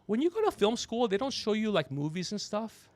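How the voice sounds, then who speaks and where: A high-pitched male voice with big pitch swings and a slightly fast pace belongs to a comedian hosting a livestream. He rambles, jokes, self-promotes, and talks to an off-mic crew member; the recording is dry, on a podcast mic with headphones.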